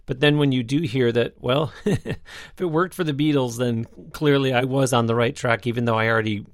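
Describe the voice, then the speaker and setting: A man's voice: mid-range voice, moderate pace, dry recording. Male podcast host, attentive recapper, dry close sound. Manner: summarizing, attentive. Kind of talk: interview chat.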